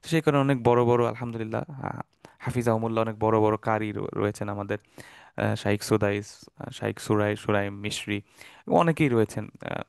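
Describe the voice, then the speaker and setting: A man's voice: lowish voice, fairly quick, creaky, long pauses, clear, resonant tone, no room sound. Man teaching in a dry room. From Bangladesh. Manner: relaxed explaining with fillers and asides. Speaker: Quran Arabic teacher. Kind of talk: online class lecture.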